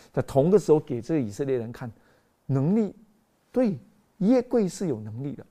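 Lively woman preaching a sermon. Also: low-pitched. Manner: animated, acts out voices, mixes in English phrases. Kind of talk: sermon storytelling.

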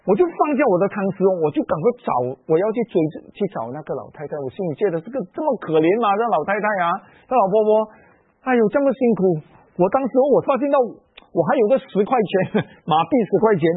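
Brief: middle-aged Malaysian Mandarin-accented male preacher, high and lively storyteller, tinny phone-like audio. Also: slightly rough, dry recording. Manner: animated storytelling with frequent particles. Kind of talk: sermon-style personal story.

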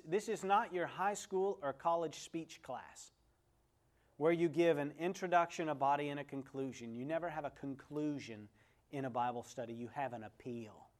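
A male evangelist pastor teaching in a sermon style, telling stories with emphatic repetition. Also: on the high side.

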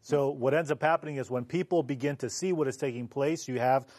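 A man's voice: mid-range voice, a little fast, a little mellow, no echo. A man explains the background of a Bible passage in an earnest, storytelling way. His voice sits mid-range and the sound is close and dry. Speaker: Bible study panelist.

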